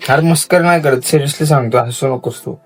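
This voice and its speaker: A man keeps insisting, repeating himself in a mid-pitched, everyday voice. He talks casually in a homemade prank video, over faint background music. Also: a little fast, breathy edge. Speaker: husband pulling a prank.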